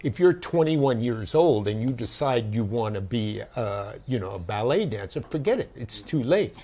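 A man explaining as a guest author in a thoughtful, halting way, often restarting his sentences. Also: medium pitch, sing-song, dark tone. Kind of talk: conversational explanation.

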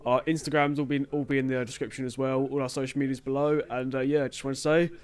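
Young host, easygoing, casual sign-off delivery. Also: male voice, medium pitch, little pitch movement, quick pace, darkish tone, smooth. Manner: easygoing, wraps up with show plugs. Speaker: podcast host. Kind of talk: casual chat.

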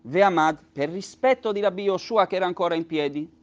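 Man teaching a text, slightly high. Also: fairly quick. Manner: reads a phrase in Hebrew, then explains it in Italian; explains patiently, with many restatements. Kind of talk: text study lesson. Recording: dull lo-fi recording.

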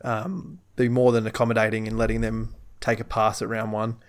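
A man's voice: fairly low pitch, little pitch movement, a little fast, smooth. An Australian man talking casually about sport as a podcast host.

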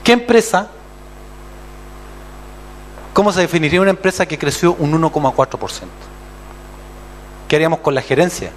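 A man's voice: fairly high pitch, a little fast, long pauses, slight background noise. A man with a Chilean accent preaching a sermon as pastor, acting out other voices and calling for amens. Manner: animated, acts out voices and calls for amens.

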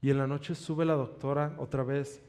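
A man's voice: mid-range voice, little pitch movement, moderate pace, a little mellow. A man preaching a sermon, telling a personal testimony in an earnest way and stretching out emphatic declarations.

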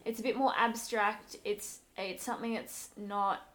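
A young woman co-hosting a podcast, talking thoughtfully with many pauses and fillers. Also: medium pitch, steady tone, a bit bright, a little hiss or hum. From Australia. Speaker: podcast co-host. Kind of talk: casual podcast conversation.

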